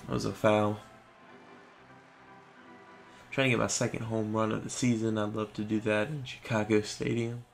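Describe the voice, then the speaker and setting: Tired, monotone man with a gravelly voice. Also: fairly quick. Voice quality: stumbles over words. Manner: monotone, low-key. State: tired, late at night. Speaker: gaming channel host. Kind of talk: casual talk over gameplay.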